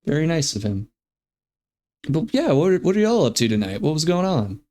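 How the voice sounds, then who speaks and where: A man's voice: on the high side, big pitch swings, moderate pace, mellow. A man chatting casually as a VTuber while he plays a game on a live stream, talking to his viewers. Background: game music.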